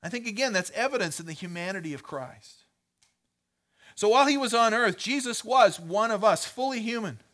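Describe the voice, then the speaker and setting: Bright, high-voiced man teaching a sermon. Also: animated, moderate pace. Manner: conversational, checks in with listeners, repeats words while thinking. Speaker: pastor.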